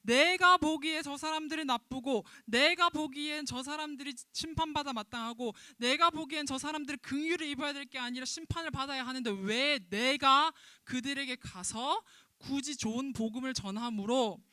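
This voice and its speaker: A woman voicing an indignant, sulking male prophet who loudly complains to God, in a dramatized Bible retelling for children. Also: high voice, normal speed, hardly any pauses, dry recording, studio quality, pitched above the performer's own voice. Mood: complaining. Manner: whiny, protesting, loud.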